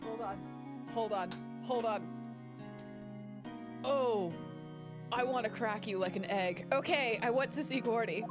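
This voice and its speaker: A woman's voice: a little high, a little slow, pauses often. A woman streamer commenting casually on a video game, giddy, crude and self-mocking, with rambling restarts. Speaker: gaming streamer. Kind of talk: casual let's-play commentary. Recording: game music underneath.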